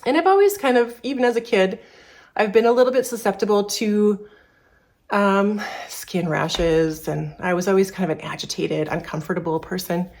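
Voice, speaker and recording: A woman's voice: medium pitch, normal speed, darkish tone. Woman, 30s, from Canada; shop owner in a candid vlog, slightly breathless, rambling delivery. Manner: candid, rambling, many restarts and fillers. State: a little out of breath. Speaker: furniture repair business owner. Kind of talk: personal vlog talking to camera.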